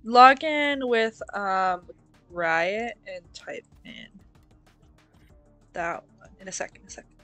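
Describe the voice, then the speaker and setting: A woman's voice: mid-range voice, animated, slow, long pauses, bright, forceful tone, soft background music. A woman chatting casually with a friend over a game, bubbly and helpful, laughing often. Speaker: friend and fellow player. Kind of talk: casual chat while gaming.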